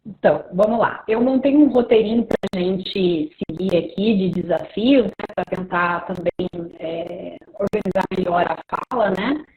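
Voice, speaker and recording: A woman's voice: mid-range voice, measured pace, hardly any pauses, slight background noise. A woman professor explaining a prepared outline over a video call, hesitant with many fillers and restarts, her audio choppy and cutting out. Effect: choppy, cutting-out internet call audio. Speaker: professor giving a talk in a webinar. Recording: tinny, echoey, glitchy call line.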